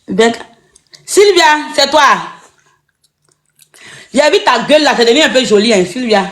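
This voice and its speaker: A woman's voice: a little high, lively intonation, takes it slowly, pauses often. A woman with an Ivorian French accent teasing and insulting in casual banter on a phone live stream, often laughing as she talks. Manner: teasing, mocking insults, laughs while talking.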